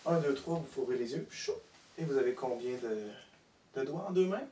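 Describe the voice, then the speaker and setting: A man working as a stage hypnotist, giving slow repeated suggestions and hushing sounds. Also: mid-range voice, lively intonation, a little hiss or hum. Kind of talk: hypnosis demonstration. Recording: echoey room, distant mic.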